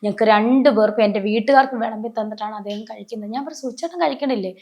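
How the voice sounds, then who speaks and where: Her voice sits on the high side and moves very fast. In an emotional personal interview she tells stories with animation, acting out the voices of the people in them, and she often stops, restarts and corrects herself.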